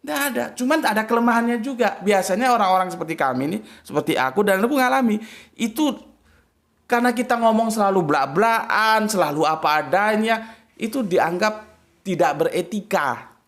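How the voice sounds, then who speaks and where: A man talks bluntly in an informal religious talk, his pitch leaping up and dropping low. His manner is combative and plain-spoken, and his delivery is lively. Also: a little fast. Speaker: preacher and debater.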